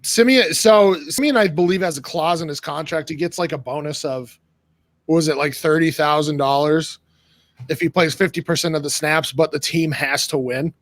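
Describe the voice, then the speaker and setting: Higher voiced guy, dry mic, a bit unsure, sports chat. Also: moderate pace, dry recording. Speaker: podcast panelist.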